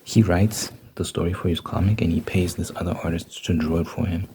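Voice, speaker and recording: A man in casual, rambling talk, thinking out loud in an informal way. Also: low voice, steady tone, fairly quick, noisy background.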